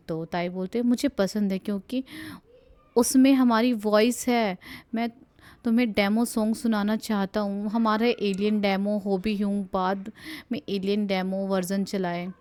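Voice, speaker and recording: A woman's voice: medium pitch, darkish tone, smooth. A young woman casually retelling a live stream in Hindi, reading out what each person said and often laughing as she goes. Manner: giggly, chatty, breaks into laughter while reading. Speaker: fan translator narrating a live stream.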